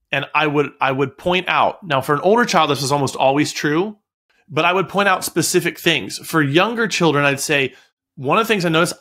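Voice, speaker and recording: A man on a podcast telling relaxed stories about teaching in his music studio, often wandering off topic and laughing. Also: a little high. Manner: storytelling, digresses and laughs. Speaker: guest, music studio owner. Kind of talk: casual podcast conversation.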